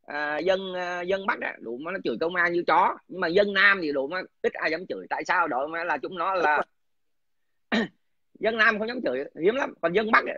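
High, bright-voiced man ranting. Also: dry recording. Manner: crude, aggressive, swearing, addresses listener scornfully. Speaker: political commentator. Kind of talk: casual profane rant. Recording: dull lo-fi dry recording.

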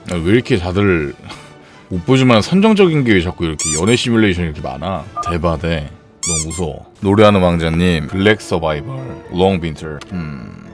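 Deep-voiced man rambling playfully on stream. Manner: playful, absurd rambling jokes. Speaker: live streamer. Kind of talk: casual live-stream chat.

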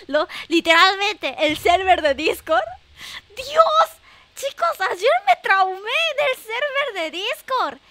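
A woman livestreamer with an anime-like voice, chatting casually and playfully with viewers, often exclaiming and repeating herself. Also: pushed and bright. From Japan. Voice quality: very high anime-like voice.

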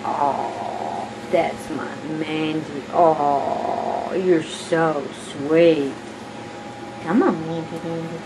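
A woman cooing affectionate baby talk to her puppies at home, with giggles and high squeals. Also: big pitch swings, extremely slow. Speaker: dog breeder filming her puppies. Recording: home video with background noise and dogs.

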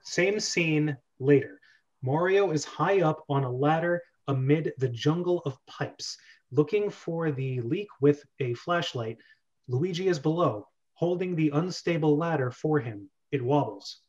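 On a video call from his home bedroom, a thirtysomething man runs a script read-through, narrating the screenplay's directions and chatting casually along the way. He sounds a little high, expressive and a little mellow at a measured pace, on lo-fi sound.

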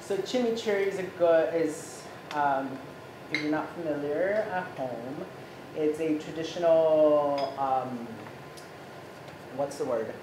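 A man in his thirties, born in Ecuador, explaining a recipe as a chef in a relaxed, explanatory way with many fillers, recorded by a far camera in a home kitchen. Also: a little high, takes it slowly. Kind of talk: cooking demonstration chat. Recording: echoey kitchen with background noise.

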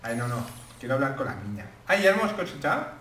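A man's voice: mid-range voice, big pitch swings, fast talker, fairly bright tone. Casting: young Spain Spanish man, playful let's play host, echoey room, mic set back. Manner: joking, swears casually, reads game text aloud. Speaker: gaming channel host. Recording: echoey room, distant mic, faint hiss.

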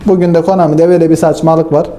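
A man giving casual, excitable commentary over a football video game, talking straight to his viewers and swinging from hype to frustrated grumbling. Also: a little high, fast talker, soft background music. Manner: talks straight to viewers as friends. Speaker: gaming YouTuber.

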